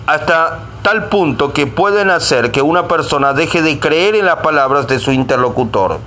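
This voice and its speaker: A man's voice: a little high, fairly bright tone, a little hiss or hum. A man reading a self-help text aloud, now and then tripping over a word and saying sorry before starting the line again. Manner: stumbles over words and says sorry.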